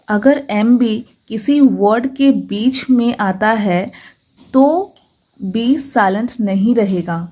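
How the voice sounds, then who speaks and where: A woman, teaching English pronunciation patiently and slowing down to stress each rule. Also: medium pitch, a little mellow. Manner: patient, slows down to stress rules. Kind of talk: explanatory lesson.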